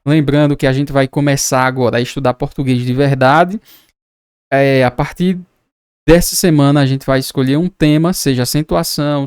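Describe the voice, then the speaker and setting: A man's voice: a little high, a little mellow, clear, resonant tone, no echo, studio quality. A man from Brazil teaching an exam-prep lesson, patiently repeating and breaking down words as he explains quiz answers. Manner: patient, repeats and spells out words, casual asides.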